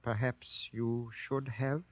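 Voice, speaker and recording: An actor playing a guarded, courteous American-born Japanese army sergeant, speaking formally and carefully in grave 1940s radio drama style. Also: male voice, medium pitch, little pitch movement, no room sound. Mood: guarded, polite. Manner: formal, careful, deliberate diction. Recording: dull old 1940s radio recording.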